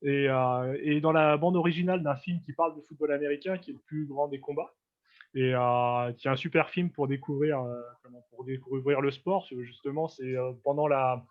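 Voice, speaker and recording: A man hosting a casual interview over a video call, chatty and quick to laugh. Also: medium pitch. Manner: laughs often, relaxed and chatty. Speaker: host. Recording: muffled video-call audio.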